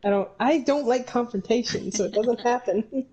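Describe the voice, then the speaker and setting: A woman co-hosting a casual podcast, talking in an unhurried way and laughing easily. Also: on the high side, mellow, poor audio. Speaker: podcast co-host. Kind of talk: casual chat.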